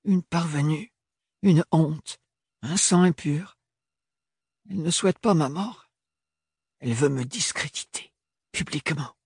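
A timid young woman, put on by a male narrator, speaks hesitantly and a little breathlessly, her voice lifted and husky. The sound is close and dry, as in an audiobook reading. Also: on the high side, a little slow, long pauses, darkish tone, no room sound, pitched above the performer's own voice, exaggerated voice. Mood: pleading. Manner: hesitant, stammering.

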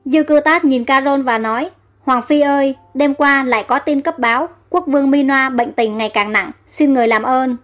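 Woman reading a story out loud, high voice, soft music under it. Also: normal speed. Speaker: audiobook narrator. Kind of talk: storybook narration reading all the parts. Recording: faint background music.

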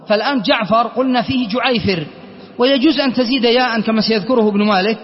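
A man teaching Arabic grammar in a classroom lesson, speaking slowly and deliberately, repeating words and asking his students check questions. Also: very high voice. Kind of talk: classroom lesson explaining poetry verses. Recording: dull lo-fi sound with long hall reverb.

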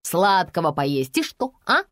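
A woman's voice: lowish voice, sing-song, unhurried, a bit bright, no echo, clean studio sound. A woman voicing a stern middle-aged café owner who scolds with contempt. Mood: scolding.

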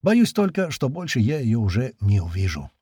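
A man voicing a weary, wry old man with a hoarse voice in an audiobook. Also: medium pitch, big pitch swings, moderate pace, mellow, no echo, clean studio sound.

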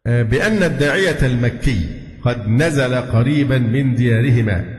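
Egyptian sheikh man doing a religious lesson, slow and measured, stern asides, big echoey hall sound. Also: mid-range voice, slight background noise. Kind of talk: religious lesson mixing classical narration and colloquial asides. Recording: echoey hall with long reverb.

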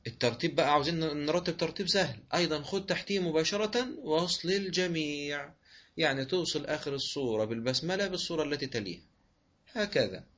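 A man's voice: on the high side, lively intonation, fast talker, fairly bright tone, muffled recording. A man with an Egyptian accent teaching Quran recitation rules in an online lesson, patiently repeating each rule and answering his own questions. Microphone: online voice room.

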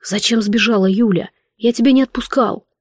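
A woman's voice: on the high side, brisk, darkish tone, no echo, natural voice. A woman voicing a stern, protective dragon emperor in a fantasy audiobook.

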